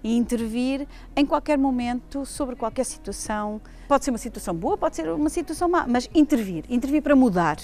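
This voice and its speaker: A woman's voice: high voice, lively intonation, a little fast, few pauses, darkish tone. A woman sound designer in an interview, speaking earnestly and with emphasis. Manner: earnest, emphatic about art's purpose.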